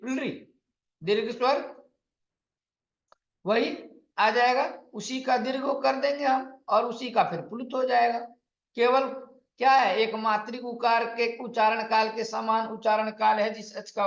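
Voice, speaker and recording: Male sanskrit teacher, high voice, patient repetitive explaining, echoey lo-fi room. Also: fairly bright tone. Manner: slow, patient explaining with repetition and counting out lists; chants Sanskrit sutras in a slow recitation. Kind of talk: online lecture. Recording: echoey, dull lo-fi room recording.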